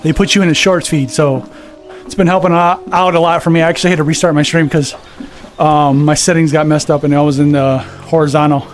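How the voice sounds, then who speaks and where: A man's voice: a little high, fairly even intonation, a little fast, soft background music. A man chatting casually on a live game stream, out of breath from walking on a VR treadmill and reading viewer comments aloud. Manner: reads viewer comments aloud and chats back. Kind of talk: casual live-stream chat while gaming. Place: home gaming setup on a VR treadmill.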